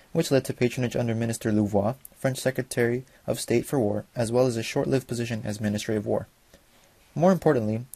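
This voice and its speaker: A young man, a student, gives a read-aloud class presentation at a quick clip, now and then stumbling and restarting. His voice is dark and a little husky. The recording is dry and close to the mic. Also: mid-range voice, no room sound. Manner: fast, reads from notes with small slips.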